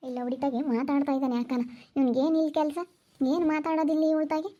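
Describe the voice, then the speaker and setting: A woman voicing a sharp-tongued village mother who mutters insults, in an amateur village skit. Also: high voice, flat delivery, quick pace. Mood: grumbling. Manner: muttering insults under her breath. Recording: dull lo-fi sound.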